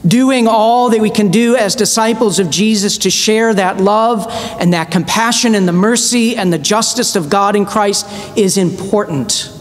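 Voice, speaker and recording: A middle-aged male priest delivers a measured, earnest sermon from a church pulpit, slowly pressing on key words. The church is reverberant, with a faint rumble.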